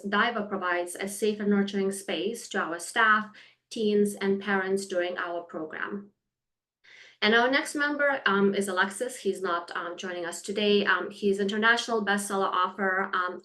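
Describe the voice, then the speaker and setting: A woman's voice: mid-range voice, a bit bright. A woman from Lithuania, a company founder, presenting a webinar over a video call in an earnest way, with many "um"s and slightly phrasing.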